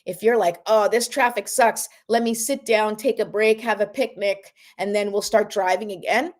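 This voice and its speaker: A woman's voice: medium pitch, steady tone, moderate pace. A woman hosting a casual motivational talk, encouraging listeners and often asking "right?" to check in with them. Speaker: motivational host.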